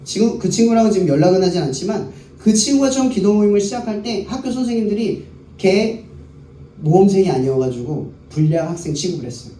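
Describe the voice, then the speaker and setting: In an echoey worship hall, a male pastor preaches to a youth service in a high, animated voice that is quick-paced and dark in tone. He engages the crowd by answering his own questions. The recording picks him up from a distance over faint background noise.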